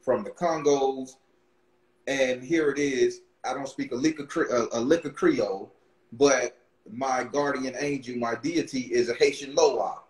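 Speaking a little slowly in a mid-range voice, a man from Barbados in his thirties hosts a casual interview over video call, his talk full of repeated words and excited false starts. He's a podcast host and tarot reader sitting before a brick wall, heard through a webcam with roomy, poor audio.

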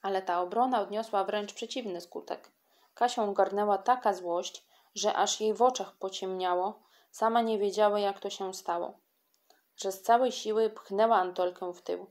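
A woman reading a children's audiobook with lively, expressive storytelling. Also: mid-range voice, normal speed. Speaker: audiobook reader.

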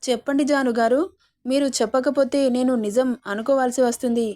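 A woman's voice: high voice, fairly even intonation, a little fast, warm tone, close to an everyday voice. A woman voicing a puzzled young groom in a storybook reading, pressing others with questions. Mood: questioning.

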